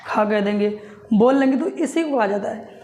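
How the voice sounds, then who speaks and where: A woman teaching a Hindi grammar class, repeating her questions and dictating definitions slowly for students to note down. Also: fairly high pitch, lively intonation, dark tone, reverberant, a little hiss or hum. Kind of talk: classroom lesson.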